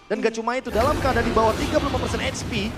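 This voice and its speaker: Very high-pitched, fast Indonesian male esports commentator. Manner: wordy, explanatory, with English gaming jargon. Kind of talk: analytical match commentary. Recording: loud music behind the voice. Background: music.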